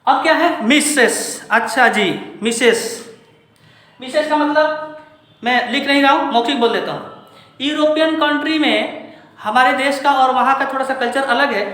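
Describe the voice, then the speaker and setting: An Indian man teaches a spoken lesson, lecturing rhetorically and putting questions directly to his listeners. His voice is very high and sharp at a normal pace. The room is very echoey.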